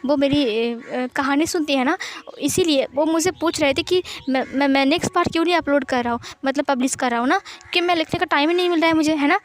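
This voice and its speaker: A soft-hearted young man, nervous and stumbling over his words as he tries to calm someone down, with a woman reading his part. The voice is high and light, soothing and pleading in a storybook telling. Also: fast talker, natural voice. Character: gentle, anxious young male writer pleading. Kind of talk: storytelling voice acting.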